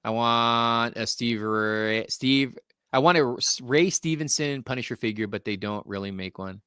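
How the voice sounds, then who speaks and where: This forties-aged podcast host runs a relaxed live stream on collectibles, reading out viewer comments and cracking jokes with ease. His mid-range voice is bright and forceful yet smooth and unhurried. The recording is dry, close to the mic, and echo-free.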